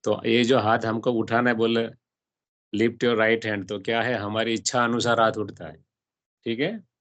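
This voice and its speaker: Speaking at a measured pace with a level tone, this man has a medium-pitched, slightly bright voice recorded without echo. As a spiritual teacher walking a small class through a religious text, he keeps asking the audience questions and slips in English words.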